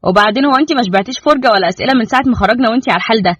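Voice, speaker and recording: A man's voice: very high voice, very fast, a bit bright, slightly rough, no room sound, exaggerated voice. A man voicing a blunt, protective young army officer with an Egyptian Arabic accent in a storybook reading. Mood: firm. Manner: firm and blunt. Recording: dull lo-fi dry recording.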